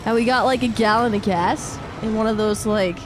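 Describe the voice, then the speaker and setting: A woman's voice: mid-range voice, moderate pace, noisy background. A woman co-hosting a gaming podcast, telling stories in a chatty, meandering way. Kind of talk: casual storytelling chat.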